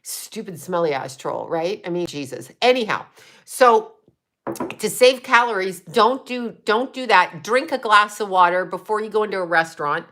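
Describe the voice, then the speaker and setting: At a normal speed, her mid-range voice sounds a bit bright. She's a woman in her fifties hosting an informal livestream, fielding viewer comments bluntly and profanely while tossing out tips and trashing trolls.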